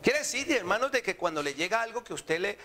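A man preaching a sermon in an animated way, acting out quotes in mocking voices. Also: sits high, fast talker.

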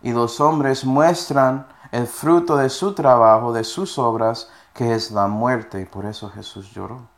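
A man delivers a sermon in a mid-range voice, unhurried and with few pauses. Between his explanations he reads scripture verses aloud, often checking in with listeners through short questions.

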